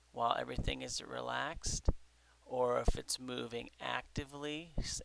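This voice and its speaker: A man's voice: mid-range voice, creaky, sharp tone. A man teaching a recorded lecture, explaining step by step with many fillers and frequent "okay?" checks.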